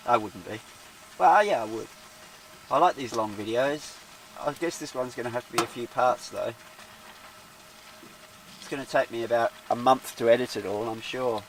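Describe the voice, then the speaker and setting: An outdoor vlogger chats casually to the camera from inside a small tent with a wood stove, rambling through self-deprecating asides in solo vlog commentary. His voice sits at a medium pitch and moves at a normal speed, broken by long pauses. Background noise is audible throughout.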